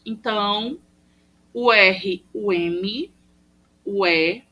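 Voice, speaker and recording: Woman teacher on a video call, slow and patient, bright voice. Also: medium pitch. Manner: patient, explaining step by step with many fillers. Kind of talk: online class lecture. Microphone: computer mic on a video call.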